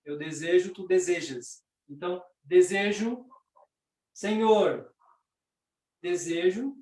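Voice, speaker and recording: A Brazilian man with a fairly high voice teaches a language class, going through each point patiently and checking in with his listeners. He sounds set back from the microphone in a roomy, echoing space. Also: takes it slowly, a little mellow. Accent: Brazilian Portuguese. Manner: patient, explains step by step with frequent "né?". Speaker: Sanskrit teacher. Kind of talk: explanatory lecture. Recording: roomy, distant mic.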